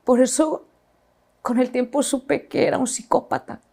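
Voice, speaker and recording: A woman telling her own painful story as a personal testimony, halting and reflective, with restarts and pauses. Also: high-pitched, steady tone, warm tone.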